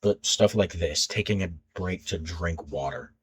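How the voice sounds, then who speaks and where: A man's voice: low voice, measured pace. A teenage man talking in an unscripted casual vlog, rambling and stuttering as he restarts his sentences. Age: late teens. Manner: stutters when nervous, rambling with many restarts. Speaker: YouTube creator.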